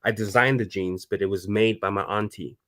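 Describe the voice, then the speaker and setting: Low-leaning and steady in tone, his voice is a bit bright and moves a little fast. The speaker is a Congolese fashion designer in his thirties, chatting as a guest in a lively, casual way with frequent restarts.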